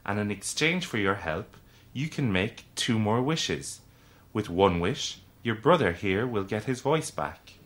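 Storybook role: man voicing a little leprechaun, theatrical and impatient, animated and crisp. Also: on the low side, takes it slowly. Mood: exasperated. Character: small exasperated male leprechaun, theatrical. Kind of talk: audiobook character voice.

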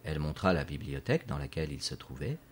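A man narrating a storybook in a measured, scripted audiobook delivery. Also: rumbling low, sing-song, breathy edge.

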